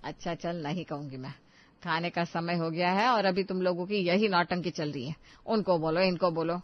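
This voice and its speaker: A woman's voice: fairly low pitch, normal speed, lightly acted. Scolding stern mother-in-law, voiced by a woman. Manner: sharp, scolding, nagging. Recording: dull lo-fi sound.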